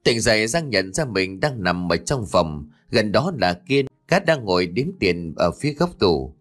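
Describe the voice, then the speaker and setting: Male storyteller narrating a ghost story, low-pitched and animated, faint music bed. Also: measured pace. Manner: lively, voices each character himself. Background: soft background music.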